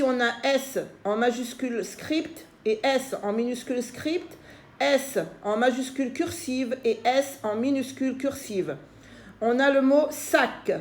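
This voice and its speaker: Woman, French accent, patient teacher leading kids' phonics drills, slow delivery, echoey room. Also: high-pitched, a little mellow. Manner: slow, patient, repeats words and syllables. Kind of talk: phonics lesson for young children.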